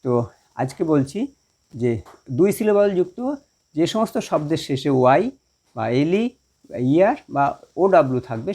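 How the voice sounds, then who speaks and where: A man teaching a recorded grammar lesson, speaking slowly and carefully, pausing with fillers and spelling words out letter by letter. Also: fairly high pitch, darkish tone, husky. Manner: measured, with hesitant fillers.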